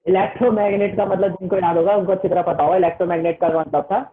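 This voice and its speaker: A man teaching an online class with a Hindi accent, chatty and repetitive, reading the textbook aloud slowly in English. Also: sits high, steady tone. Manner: chatty, keeps saying "listen carefully", reads the textbook slowly in English. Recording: tinny phone-like online class audio.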